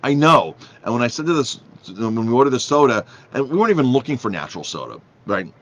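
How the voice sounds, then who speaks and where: A man's voice: mid-range voice, sing-song, fast talker, a bit bright. A man who is a chef and restaurant owner, talking casually and emphatically to the camera, repeating phrases and restarting often. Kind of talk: casual vlog talk.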